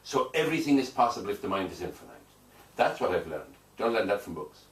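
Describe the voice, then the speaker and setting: A man's voice: fairly low pitch, lively intonation, fast. A man working as a hypnotherapist, answering interview questions in an emphatic, declarative way and repeating phrases for weight. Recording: echoey room, distant mic, faint noise.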